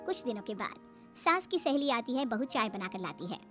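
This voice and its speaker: A woman tells a cartoon story with dramatic flair. Her voice is high and clear, and faint music plays behind her. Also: sing-song, moderate pace, a bit bright. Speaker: narrator. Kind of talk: scripted storytelling narration.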